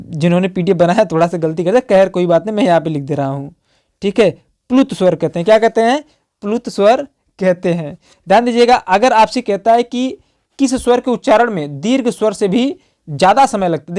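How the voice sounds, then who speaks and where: A man's voice: high-pitched, darkish tone. A male teacher going through exam prep questions in a lesson. He keeps asking and answering his own questions, repeating key terms as he writes on the slide. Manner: repetitive quizzing, asks and answers own questions.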